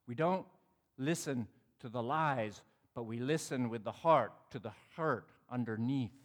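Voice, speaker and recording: A man's voice: medium pitch, unhurried, big-room sound. A man telling a personal story in a conversational, sermon-like talk, acting out the voices in it. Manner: reflective, conversational, acts out quoted dialogue.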